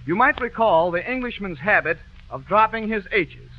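A man hosting an old-time radio quiz show, joking and bantering with his band in a brisk patter. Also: high-pitched, lively intonation, faint music behind. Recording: dull lo-fi old radio broadcast.

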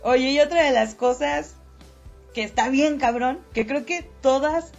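A woman's voice: high voice, unhurried, vocal fry. A young Mexican woman hosting a podcast, chatting casually in crude slang and laughing often. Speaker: podcast host. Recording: dull lo-fi audio with faint music.

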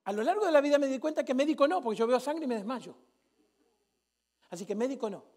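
High-voiced, gravelly Argentine pastor preaching. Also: male voice, expressive, fast talker, a little mellow. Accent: Argentine Spanish. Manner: humorous, acts out dialogue, builds to fervent exhortation. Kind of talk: storytelling sermon.

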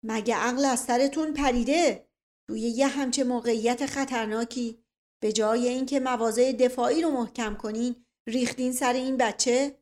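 A woman voicing a paranoid older man from a storybook who rants loudly and furiously at his relatives. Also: fairly high pitch, steady tone, close to an everyday voice. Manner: loud outraged ranting. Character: paranoid older male uncle, furious and ranting.

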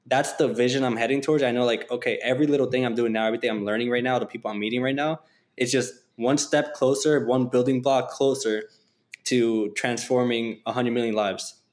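A man's voice: mid-range voice, steady tone, brisk. Earnest man hosting a podcast. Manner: earnest, reflective, uses "like" often. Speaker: podcast host. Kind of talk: casual interview chat.

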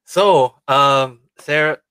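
A man hosting an interview, responding warmly and stammering through his questions with many fillers. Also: mid-range voice, very slow, smooth, no room sound. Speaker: interview host. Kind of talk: conversational interview.

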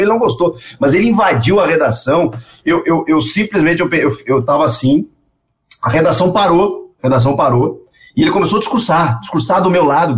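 A man, telling stories in a casual interview, animated and repeating words as he goes. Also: medium pitch. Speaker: guest. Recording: dull lo-fi sound.

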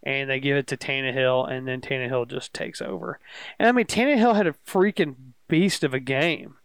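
A man's voice: medium pitch, fairly quick, smooth, no echo. A young man co-hosting a casual sports chat, joking and rambling through stories in a laid-back way. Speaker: podcast co-host.

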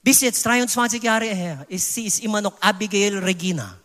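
A man in his fifties from the Philippines with a Filipino accent, preaching a sermon with emphatic, high exclamations. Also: moderate pace, sharp tone, long reverb tail. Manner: emphatic preaching, sudden high exclamations, sprinkles English phrases. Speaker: pastor.

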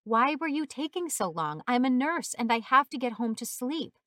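A woman's voice: fairly high pitch, sing-song, moderate pace, sharp tone, no room sound, studio quality. A woman voicing an exhausted nurse and mother who stays weary but firm. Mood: indignant.

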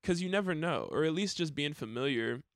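A man's voice: a little high, expressive, a little fast, dry recording, studio quality. A young man, a musician and countertenor, chatting casually and rambling with lots of restarts and laughs. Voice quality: countertenor singer. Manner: rambling, laughs often, many likes and restarts. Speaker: musician and podcast host. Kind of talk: casual chat.

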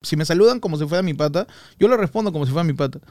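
A man's voice: fairly high pitch, rapid-fire, background noise. A man with a Peruvian accent talking casually as a podcast guest, telling stories animatedly and mimicking people. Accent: Peruvian Spanish. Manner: animated storyteller, mimics others' voices. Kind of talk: casual chat.

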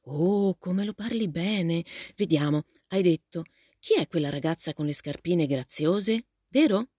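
A woman voicing a lively, outspoken teenage girl in a storybook reading, asking eager, gushing questions. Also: lowish voice, measured pace, breathy edge, no room sound, studio quality. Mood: excited.

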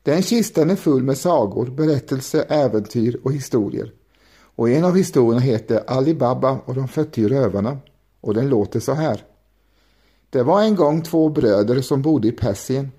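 A man narrating a children's fairy tale in a gentle, playful storytelling manner. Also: mid-range voice.

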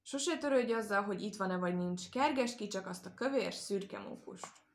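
Woman doing a storybook hawk, greedy, slow-witted, eager. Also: medium pitch, roomy sound, natural voice.

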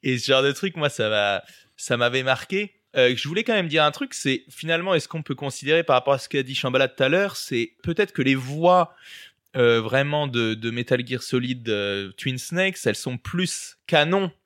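A man from France hosts a relaxed podcast, circling his points with plenty of "euh" and restarts. His voice sits dry and close on the mic, in a middle register. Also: mid-range voice, normal speed, no room sound. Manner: rambling, many fillers. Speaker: podcast host. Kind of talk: casual podcast chat.

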